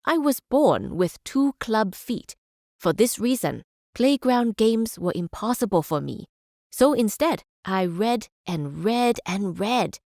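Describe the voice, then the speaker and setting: A woman's voice: fairly high pitch, expressive, slow, a little mellow, no echo, studio quality. An actress playing a learned, visionary woman scientist and chancellor, giving earnest, articulate speeches in a strategy game. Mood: reflective pride.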